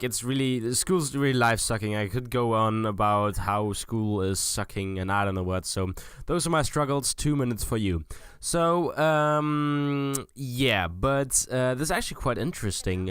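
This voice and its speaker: Young man, hesitant commentary, smooth dry sound. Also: medium pitch, no room sound. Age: young adult. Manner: hesitant, searching for words. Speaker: video host. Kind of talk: improvised casual video commentary.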